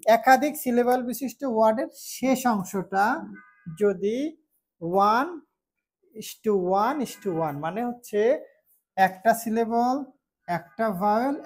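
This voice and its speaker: A woman from Bangladesh teaching an English spelling rule, explaining slowly, repeating key points and checking that students follow. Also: a little high, darkish tone. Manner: slow, repetitive explaining with check-in questions. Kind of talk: classroom spelling lesson.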